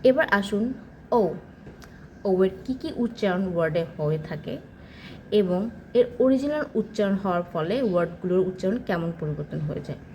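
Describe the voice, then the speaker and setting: A woman giving an English pronunciation lesson, explaining step by step and saying example words slowly and clearly. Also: fairly low pitch, expressive, mellow, lo-fi sound, slight background noise. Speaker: English teacher.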